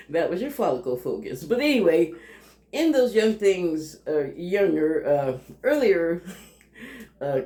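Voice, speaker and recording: A woman's voice: fairly low pitch, darkish tone. A woman giving a casual, rambling TV review monologue, laughing often and trailing off into fillers. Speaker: TV critic. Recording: roomy echo.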